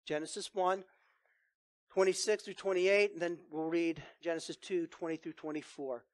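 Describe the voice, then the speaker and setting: A man preaching a sermon as pastor, reading scripture and then driving his points home in earnest, with emphatic rises and hushed drops. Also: a little high, steady tone, normal speed, dry recording.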